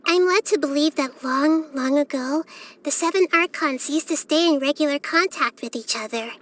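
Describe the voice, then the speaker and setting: Nahida, a high-voiced little girl deity. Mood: curious, playful. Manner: thoughtful, measured, softly earnest storyteller phrasing. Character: small wise young girl deity, gentle and curious. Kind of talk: scripted video game character voice lines.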